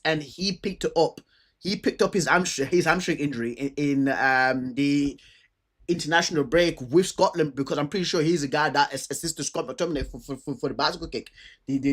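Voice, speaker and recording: A man with a slightly high voice and a fairly bright tone hosts a football preview as a fan going over the fixtures. He has a stammer and chats casually without a script, using slang and repeating himself as he thinks out loud.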